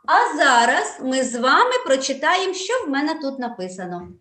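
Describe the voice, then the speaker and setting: Woman preschool teacher, high lively voice, patient and slow, echoey room. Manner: slow, patient, sing-song sounding out of syllables. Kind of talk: online preschool reading lesson.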